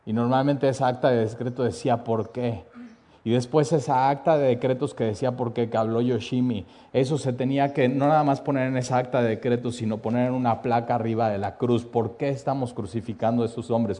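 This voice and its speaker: A man preaching a sermon, telling the story dramatically, dropping to a hush and then rising loud, with repeated lists. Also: medium pitch, fairly quick.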